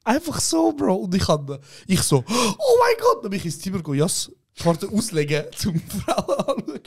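A young man hosts a casual podcast in a Swiss German accent. His voice sits a bit high for a man, and he tells stories with lots of laughter, quoting people along the way. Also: normal speed, creaky, breathy edge. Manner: laughing storyteller, animated quoting. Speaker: podcast host. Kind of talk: casual chat.

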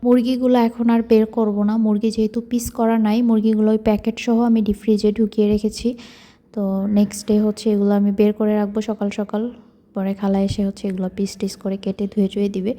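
A young woman from Bangladesh talks through her cooking in a hushed, chatty voice-over, full of little filler words. Her tone is very dark and mellow, and her pitch stays level and flat with little rise or fall. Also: quick pace. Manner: speaks softly so her child can sleep. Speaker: cooking vlogger. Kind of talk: casual voice-over narration.

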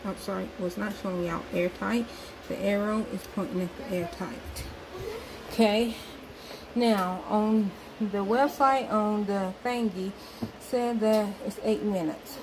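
Speaking a bit slowly with fairly even intonation at a medium pitch, a Southern woman cooks dinner at home and casually explains every step to her viewers. The audio comes from a handheld phone camera in a noisy kitchen.

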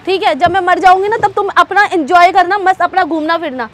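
A woman's voice: very high voice, fairly quick, some chatter behind. A young woman vlogger arguing outdoors on a boat, accusing and repeating her demands in a staged couple fight.

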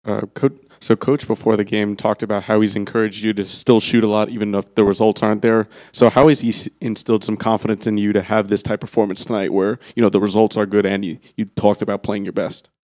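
A man reporter calling out and asking a brisk press conference question. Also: on the low side, level tone, darkish tone.

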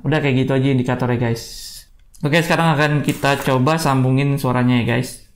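A man's voice: mid-range voice, fairly even intonation, fairly quick. A man giving a casual product review, chatty and addressing viewers often. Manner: chatty, says "guys" a lot. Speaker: tech reviewer.

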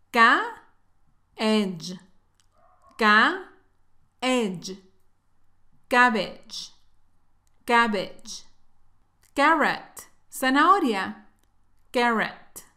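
Slow, bright-voiced woman teaching pronunciation. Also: a little high. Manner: drills each word and syllable slowly, repeating them for learners. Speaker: English teacher. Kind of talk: slow, clearly articulated pronunciation lesson.

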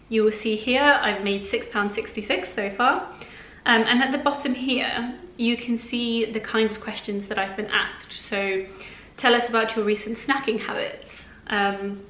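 A young woman from the UK chatting casually to camera as a personal finance vlogger, relaxed and full of fillers like um and like. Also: mid-range voice. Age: young adult. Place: living room of a flat, indoors. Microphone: camera in front of her at desk distance. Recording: roomy indoor sound.

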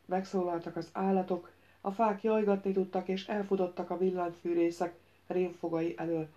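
A woman narrating an audiobook in a steady storytelling manner. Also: fairly low pitch, highs cut off. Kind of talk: scripted narration.

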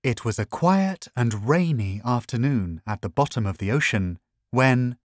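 A reader narrating a children's picture book aloud in a gentle storytelling way. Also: mid-range voice, lively intonation, dry recording, clean studio sound. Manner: slow, lilting storytelling.

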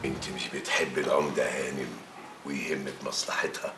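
An actor playing a proud, scheming former village mayor with an Egyptian accent, insistent in manner. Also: male voice, very deep voice, little pitch movement, a little fast, reverberant, loud music behind the voice. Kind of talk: TV drama acting.

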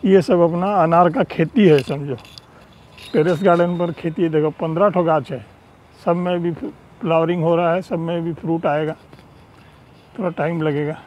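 This man, fairly high-pitched with a slightly mellow tone and fairly even intonation, walks through his rooftop terrace garden at a moderate pace, chatting and pointing things out. He films it outdoors on a handheld phone, and the recording quality is low.

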